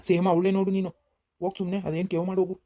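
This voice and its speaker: Woman voicing a cranky coughing grandfather, rapid village grumbling. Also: lowish voice, level tone, warm tone, voice pushed down, lightly acted. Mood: grumbling, scolding.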